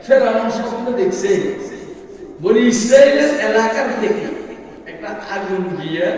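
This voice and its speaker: Fiery older preacher, high voice. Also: male voice, darkish tone. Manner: fiery, rhetorical, repeatedly challenging the crowd. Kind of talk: sermon. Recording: echoey hall, voice from far off.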